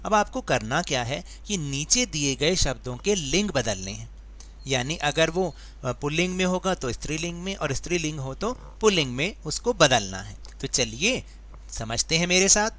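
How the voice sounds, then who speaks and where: A man's voice: fairly high pitch, animated, normal speed, bright, forceful tone. A man teaching a grammar worksheet, explaining patiently step by step and asking his students questions. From India. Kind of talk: worksheet lesson.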